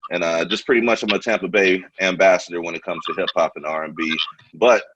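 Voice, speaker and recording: A man's voice: low voice, fairly even intonation, quick pace, a bit bright, dull audio, slight background noise. A man from Kansas hosting a casual video-call interview, laid-back and slangy with lots of fillers. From Kansas, American Midwest. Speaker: host.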